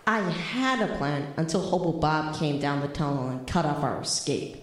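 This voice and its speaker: A woman's voice: low voice, lively intonation, normal speed. A woman playing a plucky, earnest young kid leader with a casual, direct manner in an audio drama. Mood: apologetic. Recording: very echoey, faint music.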